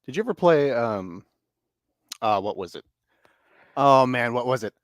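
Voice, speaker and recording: Excitable dude calling into a podcast, loud bursts, dry close mic. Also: male voice, mid-range voice, a little slow, no room sound. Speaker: podcast co-host. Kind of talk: casual chat over an online call. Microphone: remote call mic, cutting out.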